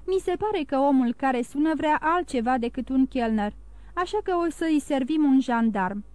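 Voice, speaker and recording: Audiobook: female narrator as a commanding corporal; her high voice, dry. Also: expressive, darkish tone, dry recording. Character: bossy, joking gendarme corporal, a man.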